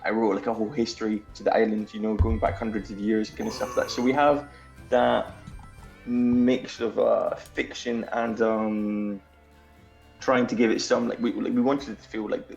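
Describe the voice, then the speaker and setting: A Scottish man with a gravelly, creaky voice, talking as a guest in a loose, rambling way. His pitch sits in the middle range, and faint music plays underneath. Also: little pitch movement, moderate pace, darkish tone. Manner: rambling, many fillers and restarts, laughs easily. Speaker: game developer guest. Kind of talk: casual chat.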